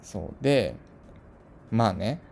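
Chatty man with a lively, bouncing voice. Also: lowish voice, takes it slowly, gravelly, slight background noise. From Tokyo, Japan. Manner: chatty, rambling, full of asides. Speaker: channel host. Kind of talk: casual storytelling monologue.

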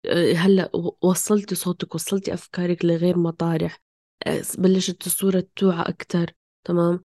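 Woman chatting super fast, lowish soft-toned voice, passionate, questioning herself in broken bursts. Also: level tone, no echo, clean studio sound. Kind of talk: casual, impassioned conversation.

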